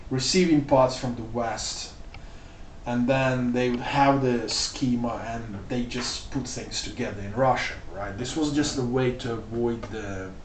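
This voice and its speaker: A man's voice: medium pitch, measured pace, slight background noise. Rambling man, roomy distant sound. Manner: loose and rambling, full of "like" and "you know". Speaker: vlogger. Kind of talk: casual spoken commentary.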